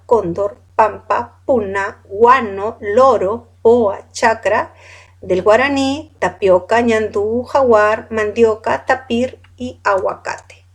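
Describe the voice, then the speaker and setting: Slow-paced woman teaching a class. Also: on the high side. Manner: lists words one by one, corrects pronunciation; asks students questions. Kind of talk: classroom lecture.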